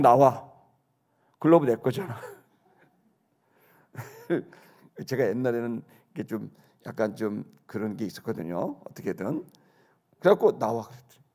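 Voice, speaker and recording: A middle-aged man telling a childhood story, acting out the quotes with sudden shouts and hushed asides. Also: medium pitch, gravelly. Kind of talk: animated storytelling.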